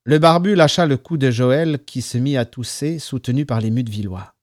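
A man reading a story aloud as narrator, calm between the voices. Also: medium pitch, normal speed, no echo, clean studio sound. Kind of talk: audiobook narration.

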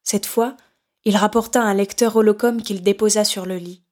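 A woman reading a horror novel aloud in steady, measured scripted narration. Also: medium pitch. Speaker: audiobook narrator.

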